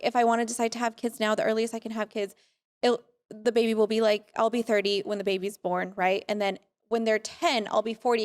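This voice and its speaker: A woman in her late twenties, hosting a podcast in a chatty, relatable way and asking open questions. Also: on the high side. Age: 20s. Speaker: podcast host. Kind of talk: casual conversation.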